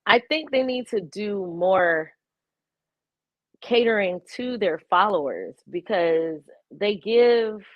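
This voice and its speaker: A woman's voice: medium pitch, animated, slow pace, no echo, lo-fi sound. A woman from the San Francisco Bay Area, a guest streamer talking in a casual, earnest and caring way. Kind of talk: casual chat.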